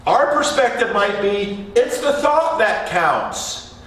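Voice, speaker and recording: A man's voice: sits high, sing-song, slow, a bit bright. A man preaching a sermon in a church, chatting with his congregation and asking them questions. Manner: conversational, asks the congregation questions. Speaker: pastor. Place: church sanctuary. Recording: echoey church hall, mic from far off.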